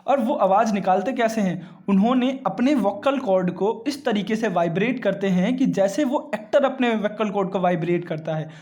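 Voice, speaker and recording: A man's voice: high voice, a little mellow. Man teaching, checking in every line. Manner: explains step by step, often checks with "ठीक है" and calls listeners "बेटा"; asks questions and answers them himself. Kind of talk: classroom science lesson.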